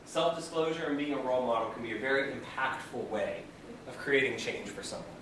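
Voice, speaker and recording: Energetic male trainer in an echoey room. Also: medium pitch, a little fast. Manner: energetic, asks the group questions. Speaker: peer education trainer. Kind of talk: classroom training lecture. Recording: echoey room, mic far off, background noise.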